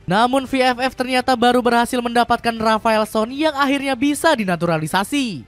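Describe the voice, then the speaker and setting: A woman narrating scripted football news as a voice-over, in a steady read-aloud delivery that drops in pitch at sentence ends.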